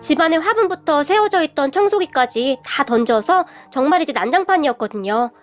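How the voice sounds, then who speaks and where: High-voiced woman telling a radio story. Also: lively intonation, a little fast, soft background music. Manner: plain first-person storytelling. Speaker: narrator.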